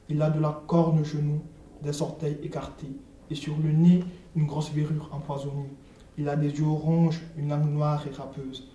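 Calm storybook narrator, dark tone. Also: mid-range voice, lo-fi sound. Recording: roomy, distant, faint noise.

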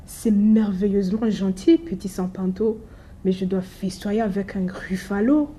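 A woman voicing a small, clever, bold female mouse in a storybook reading, lively and high. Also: unhurried, natural voice. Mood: confident.

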